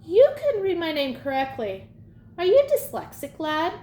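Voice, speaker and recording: A woman voicing a smooth, sly older male ferryman of the dead with a British accent, sweet and cold. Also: extremely high pitch, big pitch swings, normal speed, mellow. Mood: smooth, mocking. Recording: echoey room, faint ambience.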